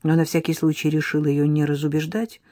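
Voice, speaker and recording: A woman narrating a children's story in an expressive storytelling way. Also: low voice, fairly quick, no room sound, studio quality. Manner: even, storytelling delivery. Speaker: audiobook narrator.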